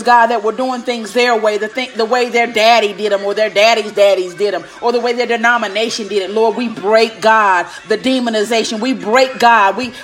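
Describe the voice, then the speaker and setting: High-voiced woman in fierce, commanding prayer. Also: fairly bright tone. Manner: fervent, commanding, declaring; repetitive, punctuating phrases with invocations of God. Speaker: preacher leading prayer. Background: music.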